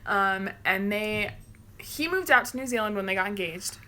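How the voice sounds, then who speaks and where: A woman's voice: medium pitch, sharp tone. A young American woman co-hosting a live vlog, telling stories in a chatty way and laughing easily. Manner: chatty, storytelling, quick to laugh. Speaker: vlog co-host. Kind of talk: casual live-stream chat.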